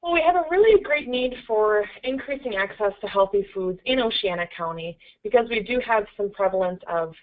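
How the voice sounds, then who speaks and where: Woman doing practice interview answers, steady, tinny phone line sound. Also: medium pitch, fairly quick, few pauses. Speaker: program coordinator practicing interviews. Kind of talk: mock media interview answers.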